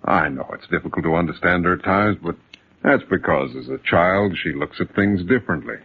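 Brief: a patient doting dad, low husky voice, 1940s radio acting, phone-thin recording. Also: male voice, brisk. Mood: soothing. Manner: soothing, patient. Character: gentle doting father, adult man. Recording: tinny old radio recording.

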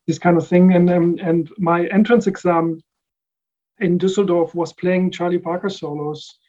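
A man from the Netherlands answers questions in relaxed conversation, pausing often with fillers and restarting his sentences. His voice sits a little high for a man but sounds mellow and warm. The audio is slightly dull, like a lo-fi recording. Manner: thoughtful, many fillers and restarts. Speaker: recording engineer guest. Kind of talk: casual interview answers.

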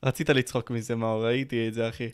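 A man with a mid-range voice chats loosely on a podcast. He teases his friends and cuts in with short, quick remarks. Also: medium pitch, level tone, clear, resonant tone. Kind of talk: casual podcast chat.

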